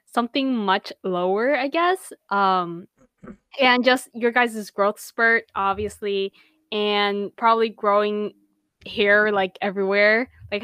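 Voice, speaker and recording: A woman's voice: medium pitch, fairly bright tone, clear, resonant tone, dry recording. A young woman in casual group chat, curiously asking the others questions. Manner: curious, inquisitive. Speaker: question asker.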